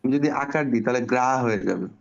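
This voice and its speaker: Teaching Bangla to kids online, this man explains pronunciation patiently, one step at a time, and quizzes his pupils along the way. His medium-pitched voice is creaky and quick, and the recording has its highs cut off.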